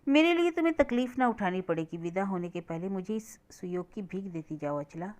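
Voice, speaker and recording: A woman's voice: mid-range voice, animated, darkish tone, lightly acted. A woman reading a remorseful young man pleading. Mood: earnest pleading. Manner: earnest, pleading, measured.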